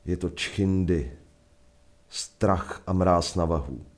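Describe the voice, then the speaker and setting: A Czech man telling a first-person adventure story in a measured, vivid narration. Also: sits low. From Czech Republic.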